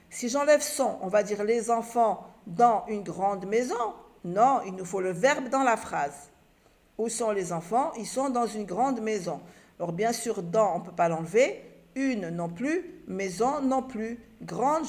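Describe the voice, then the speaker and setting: A woman's voice: fairly high pitch, lively intonation, measured pace. A woman teaching a children's reading lesson, patiently sounding out syllables and letters one by one and answering her own questions. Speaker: primary school teacher.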